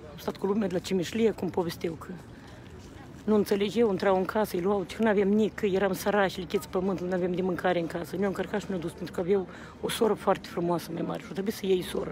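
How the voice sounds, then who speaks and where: Her voice is mellow and mid-range as she gives a reporter an impassioned interview on the street during a rally. Agitated, she turns again and again to the people nearby, while the outdoor recording picks up the crowd's noise.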